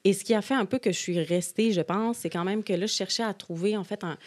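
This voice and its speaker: A woman from Switzerland in her thirties, a podcast guest, talking casually with many halting restarts. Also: medium pitch, a little mellow. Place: indoors, podcast studio.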